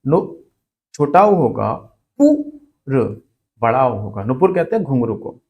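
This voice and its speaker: A man teaching a Hindi spelling lesson for exam students, repeating each word slowly so it sticks. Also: mid-range voice, very animated, vocal fry, muffled recording.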